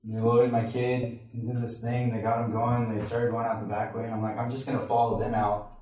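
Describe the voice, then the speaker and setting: A man's voice: medium pitch, flat delivery, fairly quick, warm tone. A man, a pastor, earnestly telling a personal story during a sermon in a conversational way. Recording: echoey room, mic at a distance.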